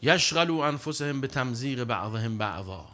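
This sermon comes from a middle-aged man with a mid-range voice who weaves recited scripture between his explanations, his delivery animated and emphatic.

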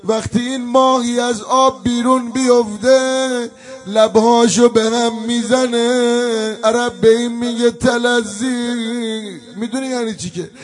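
Male preacher with a high voice, emotional mourning sermon that slips into plaintive chant, faint music behind. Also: level tone.

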